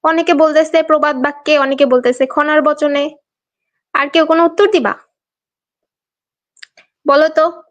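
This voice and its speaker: A woman's voice: sits high, fairly even intonation, measured pace, pauses often. A young woman teaching a live online exam-prep class, chatting and coaxing her students and reading out their answers. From Bangladesh.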